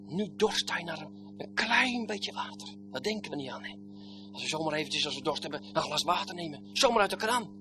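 A man preaching a sermon with old-fashioned biblical phrasing, swinging between loud exclamations and hushed, near-whispered lines. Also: high voice, expressive, fairly quick, creaky, over music.

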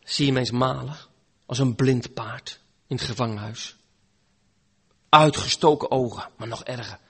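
A man preaching a sermon, dramatic, swinging between loud pleading and hushed, near-whispered lines. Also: mid-range voice, normal speed, husky.

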